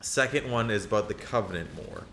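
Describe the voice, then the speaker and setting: A young man talking through a co-op game with a bright, forceful tone. He explains the game's lore to his friend and breaks into excited callouts when the action heats up. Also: fairly low pitch, a little fast, slight background noise. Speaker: co-host of a gaming channel. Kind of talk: casual let's-play commentary.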